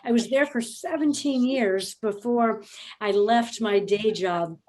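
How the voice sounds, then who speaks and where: A woman's voice: a little high, takes it slowly, a little mellow. Enthusiastic middle-aged woman panelist. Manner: enthusiastic, passionate. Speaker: hospitality trainer and author. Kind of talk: conference panel self-introduction.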